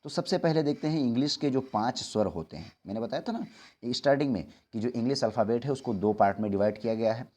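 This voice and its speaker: A young man teaching English in Hindi, who patiently repeats reminders, slows down to spell out examples and corrects his own slips as he goes. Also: medium pitch, lively intonation, darkish tone. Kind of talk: Hindi-language English lesson.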